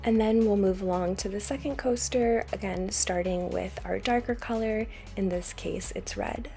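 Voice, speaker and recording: Mellow-voiced American woman guiding a craft tutorial. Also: mid-range voice, normal speed, gravelly, soft background music. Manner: calm, step-by-step instructional. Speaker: craft channel host. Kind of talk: tutorial voice-over.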